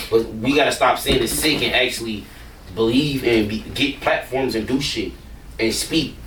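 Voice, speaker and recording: A man's voice: mid-range voice, fairly bright tone, echoey room, distant mic, a little hiss or hum. A man, a rapper, talking casually and bluntly in an interview, rambling and swearing freely.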